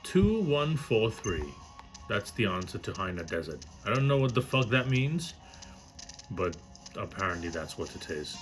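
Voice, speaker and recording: A man's voice: low voice, animated, normal speed, fairly bright tone, low-quality recording. A man giving casual, self-deprecating let's play commentary, swearing freely. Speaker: gaming YouTuber. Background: game music.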